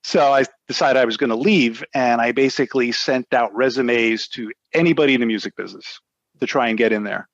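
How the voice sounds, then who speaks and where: A man's voice: medium pitch, a little fast, no room sound, dull audio. A middle-aged man with an American accent chatting casually as an interview guest, rambling and peppering his talk with filler phrases. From United States. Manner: rambling, frequent "you know". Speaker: interview guest, music industry lawyer. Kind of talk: casual reminiscing conversation.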